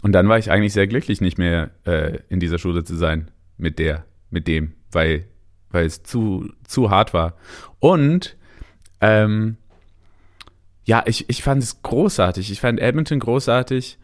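Male interview guest, low register, British English accent in German, halting casual delivery sprinkled with English words. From Canada and England.

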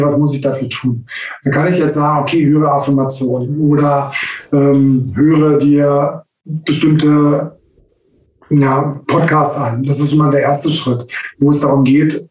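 A man, coach type, lively storyteller who acts out his quotes, slightly higher voice, roomy and a bit off-mic. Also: recorded from a distance. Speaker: coach and trainer. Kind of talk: conversational interview. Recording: roomy sound, a little off-mic.

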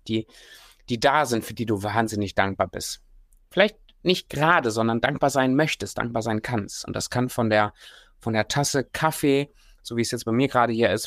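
A man's voice: medium pitch, no room sound. Informal male coach, dry sound. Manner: informal, direct address with casual swearing. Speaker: livestream host, self-development coach. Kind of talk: casual motivational talk and guided breathing and gratitude exercise.

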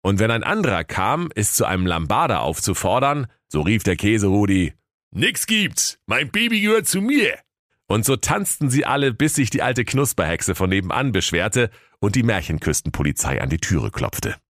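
Animated man telling a comic fairy tale. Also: on the low side, a little fast, no room sound, studio quality. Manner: playful, animated storytelling. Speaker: storyteller.

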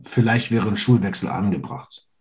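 A man's voice: on the low side, moderate pace, a little mellow. A man in his thirties hosting a podcast, chatting casually and asking engaged follow-up questions. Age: 30s. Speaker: podcast host. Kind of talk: casual interview.

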